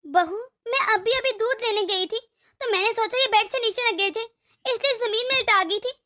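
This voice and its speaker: A woman's voice: very high voice, moderate pace, pushed and bright. A woman voicing a tired, grumbling older mother-in-law in a cartoon, weary and self-pitying. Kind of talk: cartoon dub voice acting.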